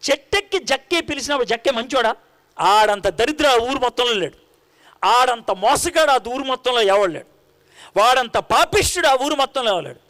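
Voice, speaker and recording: High, lively-voiced male preacher. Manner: animated, conversational, full of rhetorical questions. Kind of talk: sermon.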